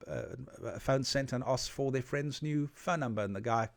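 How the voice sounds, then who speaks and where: A man's voice: mid-range voice, fairly quick, no room sound. Direct, emphatic man giving IT advice. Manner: direct, emphatic, frequent "all right?" check-ins. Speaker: IT support technician. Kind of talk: casual advice talk to camera.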